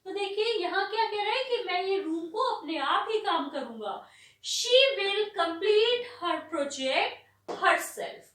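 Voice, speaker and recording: Brief: Indian woman teacher, high lively voice, patient, slow delivery, echoey room, off-mic. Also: far from the mic. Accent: Indian English. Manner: explains slowly, repeating and spelling out examples. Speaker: English grammar teacher. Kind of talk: classroom lesson mixing Hindi and English.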